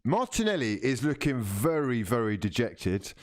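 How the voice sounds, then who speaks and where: A man hosting a live fan football watch-along, commentating in an informal, excitable, matey way. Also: medium pitch, moderate pace, no room sound, studio quality.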